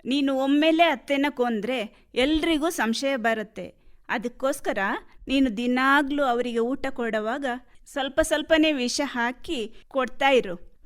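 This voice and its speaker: An actress voicing a wise, calm female holy woman who gives measured, motherly counsel in a radio play. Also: high-pitched. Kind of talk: radio drama acting.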